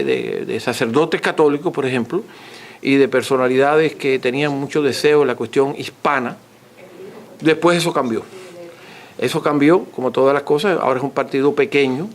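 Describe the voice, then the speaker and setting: A man gives an extempore scholarly talk as a lecturer, teaching courteously and repeating points for emphasis. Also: mid-range voice. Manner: didactic, emphatic repetition, courteous. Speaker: author and lecturer answering audience questions.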